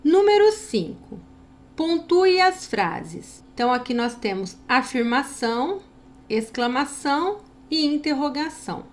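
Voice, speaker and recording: A woman teacher with a Brazilian Portuguese accent, reading a story aloud to children and explaining the punctuation of a schoolbook lesson slowly and deliberately. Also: high voice. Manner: slow and deliberate, stressing punctuation with lively read-aloud intonation.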